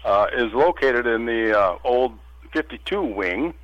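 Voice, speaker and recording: A man's voice: mid-range voice, expressive, measured pace, a bit bright. A male radio host asks questions in a playful, joking way from a library meeting room. The recording is dull and lo-fi, and the sound is dry, with no room echo. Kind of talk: casual radio interview.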